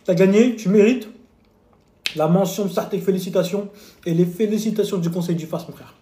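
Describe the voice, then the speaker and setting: A man's voice: high-pitched, fairly quick, dark tone. Man, live-stream host, casual chat, teasing, talks while eating, echoey room. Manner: chatty, teasing, mock-lessons, talks with mouth full. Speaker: fitness coach streaming live.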